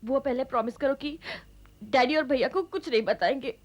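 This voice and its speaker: A woman's voice: high-pitched, normal speed, highs cut off. A woman playing a frightened young niece who confesses hesitantly. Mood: fearful. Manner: tearful, hesitant. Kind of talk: Hindi TV serial acting.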